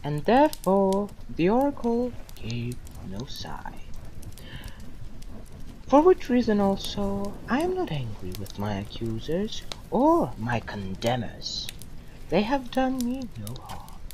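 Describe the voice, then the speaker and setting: A woman playing a mercurial, wry renegade villain in a fan-made audio drama, in a theatrical manner that swings between hushed and loud. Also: medium pitch, huge pitch swings, slow, slight background noise, low-quality recording. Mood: solemn, brooding.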